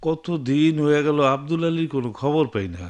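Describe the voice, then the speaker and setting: A man's voice: a little high, animated, brisk, darkish tone, faint music behind, natural voice. An actor playing a worried, poor village father waiting for news of his son, speaking rural dialect, in a television drama.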